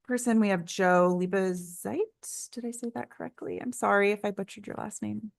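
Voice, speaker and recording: A woman's voice: medium pitch, steady tone, moderate pace, gravelly. A woman chairing a public meeting, politely cutting off speakers and calling the next one. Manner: polite, apologetic, managing speakers.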